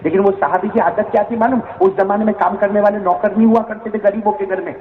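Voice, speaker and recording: A man's voice: sits high, fairly even intonation. A man preaching an emotional sermon to a gathering, telling a story, calling on the crowd to answer and crying out as he tells it. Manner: calls on the crowd to answer, wails and cries out in the story. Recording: echoey hall, dull lo-fi with faint noise.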